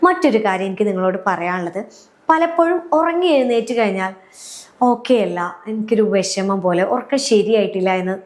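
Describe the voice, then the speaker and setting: A woman, a happiness coach, calmly guiding listeners step by step through a breathing and relaxation routine for sleep. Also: medium pitch, a little fast. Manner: calm, step-by-step, often checking "clear?". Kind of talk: guided relaxation instruction.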